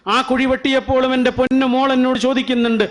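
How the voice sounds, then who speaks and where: Guy speaking as a heartbroken old-time chief confessing, pleading, keeps repeating his plea, high voice. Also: little pitch movement, fast, a bit bright. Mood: grieving confession.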